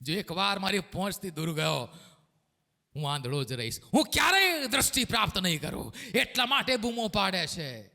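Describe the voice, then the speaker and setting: A male pastor preaching a sermon, swinging between shouted lines and hushed low ones. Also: very animated, normal speed, creaky, in a large hall.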